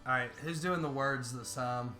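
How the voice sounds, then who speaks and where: A man's voice: mid-range voice, normal speed, bright, forceful tone, faint music behind. A man co-hosting casual, joking game commentary in a brash, sarcastic, profane manner. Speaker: gaming channel co-host.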